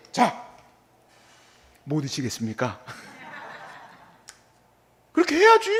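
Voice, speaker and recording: Animated, high-pitched male pastor preaching. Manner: animated, conversational preaching with quoted asides. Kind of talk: sermon. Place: church hall.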